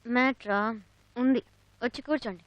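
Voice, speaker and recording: A woman's voice: on the high side, normal speed, dry recording, muffled recording, natural voice. An actress playing a strict, principled young woman lecturer who scolds sharply, in a dubbed film. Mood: cool mocking.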